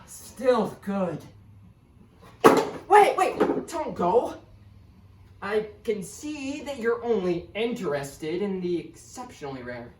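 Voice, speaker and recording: A woman acts out a wheedling merchant showman in an amateur stage monologue. The delivery is slow and dramatic, full of pauses and exclamations. It sounds distant and echoey, recorded outdoors. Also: mid-range voice. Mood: pleading, coaxing. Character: male desert merchant, eager, wheedling showman and storyteller. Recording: roomy, distant mic, noisy outdoor ambience.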